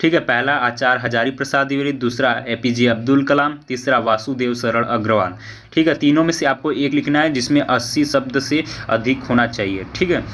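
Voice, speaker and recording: A male teacher going through an exam paper, reading each question aloud, slowing down for the verse passages and often checking in with an "okay". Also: mid-range voice, a bit bright. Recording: dull lo-fi audio.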